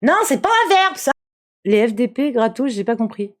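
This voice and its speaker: A woman streaming a game live, excitable, swearing, laughing and shouting at the screen. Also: a little high, normal speed. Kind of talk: live gameplay commentary.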